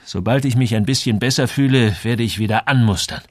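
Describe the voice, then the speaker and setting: A man voicing a calm, determined old sailor who is ill, in an audiobook. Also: mid-range voice, no room sound, studio quality, lightly acted. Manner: slow, calm. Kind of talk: audiobook character voice.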